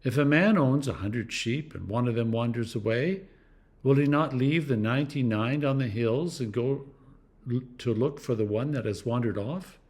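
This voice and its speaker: In a medium-pitched voice, a clergyman gives a devotional scripture reading, deliberate and expressive, with dramatic pauses and emphasis.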